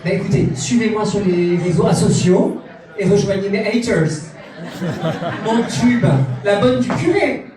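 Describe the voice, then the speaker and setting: A grandiose, self-adoring stage diva, played by a man in a live cabaret act. The voice sits high and camp, heard from a distance in a very echoey club. A lively crowd fills the room. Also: measured pace. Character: vain self-proclaimed international diva, female persona. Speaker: drag cabaret performer. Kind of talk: cabaret stand-up in character.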